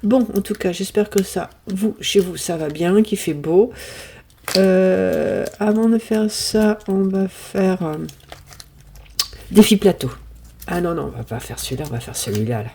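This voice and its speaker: A woman's voice: mid-range voice, a little slow, mellow, slight background noise. A woman in her fifties chatting casually at home as she sorts and counts her savings, apologizing often and exclaiming when pleased. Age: 50s. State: sniffling from pollen. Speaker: budgeting vlogger. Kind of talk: casual chat.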